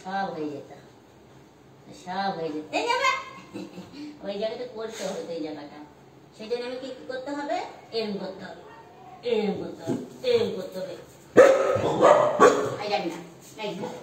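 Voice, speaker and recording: A woman's voice: medium pitch, animated, normal speed, long pauses, recorded from a distance. A woman chatting casually while tending to her dogs, coaxing and scolding them as she goes. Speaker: vlogger caring for stray dogs. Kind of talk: casual chat with pets. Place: outdoors with dogs. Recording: roomy, off-mic phone audio with loud background noise.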